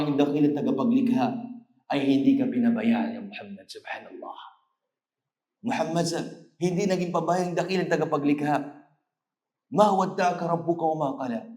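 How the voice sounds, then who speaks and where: A man with a Filipino accent giving a sermon in a mosque, earnest, often repeating a pious phrase and reciting scripture in slow chanted Arabic. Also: on the high side, warm tone, echoey room. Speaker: Islamic preacher. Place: mosque after evening prayer.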